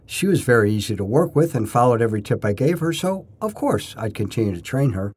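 This older narrator tells his own written first-person stories phrase by short, measured phrase, leaning on a storyteller's emphasis. He has a sing-song, mid-range voice that sounds darkish and slightly rough.

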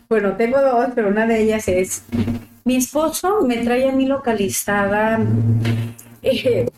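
A woman with a Mexican accent, co-hosting a casual chat and telling stories in a frank, slangy, animated way. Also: fairly high pitch, slow pace, long pauses, slight background noise. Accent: Mexican Spanish. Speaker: podcast co-host. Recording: roomy echo.

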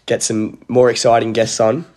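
A man's voice: mid-range voice, level tone, normal speed, a little mellow. A young man with an Australian accent hosting a podcast in casual chat, with blokey, laid-back, slangy banter. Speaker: podcast host. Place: at home, phone on a table. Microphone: phone lying on table.

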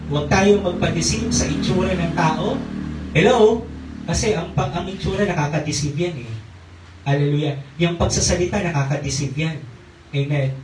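A man's voice: fairly high pitch, noisy background. A man preaching a sermon in church on a handheld mic, peppering his talk with hallelujahs and amens. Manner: call-and-response, frequent hallelujahs and amens. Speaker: pastor. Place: church hall. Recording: echoey church recorded from far off.

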